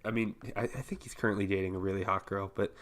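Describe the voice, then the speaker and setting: A man's voice: low voice, steady tone, fast. A young man co-hosting a casual podcast, making wry offhand jokes and hedging with "I mean". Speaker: podcast co-host.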